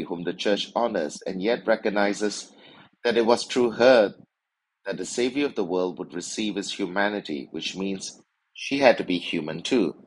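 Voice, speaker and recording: Low-voiced priest reading solemnly. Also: male voice, a little hiss or hum, rough recording. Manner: measured, formal, solemn delivery. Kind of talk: liturgical Gospel reading and homily.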